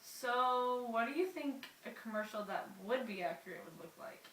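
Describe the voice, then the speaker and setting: A woman's voice: a little high, lively intonation, normal speed, fairly bright tone, slight background noise, low-quality recording. A young woman acting in a scripted school skit, patiently explaining step by step.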